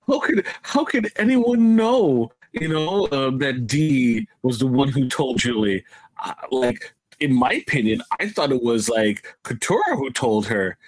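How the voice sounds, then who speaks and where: A man's voice: mid-range voice, expressive, measured pace, no echo, poor audio. Man, co-host, casual chat, joking, dry recording. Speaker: podcast co-host.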